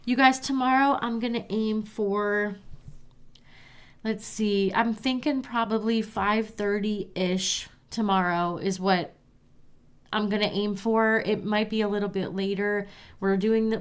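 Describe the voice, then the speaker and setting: A woman's voice: mid-range voice, clean tone. A woman with a stuffy, nasal voice hosting a live crafting stream, chatting with viewers and answering their comments. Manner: chatty, talks straight to viewers as "you guys".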